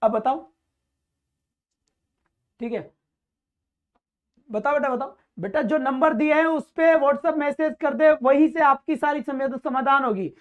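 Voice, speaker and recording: A man's voice: very high-pitched, measured pace, pauses often, lo-fi sound. A man teaching English grammar for government exams in Hindi, quizzing his students, calling them "beta" and mixing in course announcements. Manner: chatty, mixes in course announcements. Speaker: exam-prep teacher. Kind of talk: online exam-coaching lesson.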